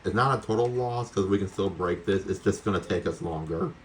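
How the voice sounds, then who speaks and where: Deep-voiced man chatting through a game, noisy background. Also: brisk. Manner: chatty, rambling, talks to viewers; casually sweary. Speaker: video game streamer. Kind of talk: casual gameplay commentary.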